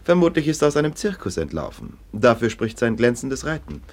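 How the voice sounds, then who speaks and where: In a German radio play, an actor voices a scornful, domineering police lieutenant with a sardonic, dismissive, mocking manner. The male voice is medium-pitched and fairly quick, with big swings in pitch.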